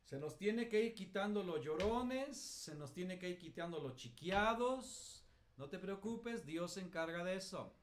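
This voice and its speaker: A man's voice: high voice, lively intonation, measured pace. A middle-aged Mexican man, a pastor teaching a class, telling self-mocking stories in a colloquial way. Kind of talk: lively teaching with personal anecdotes.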